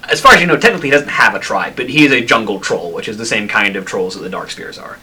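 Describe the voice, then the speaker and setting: Low, bright-voiced male game master. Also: animated. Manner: halting, descriptive phrasing. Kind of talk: improvised tabletop game narration. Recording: faint background noise.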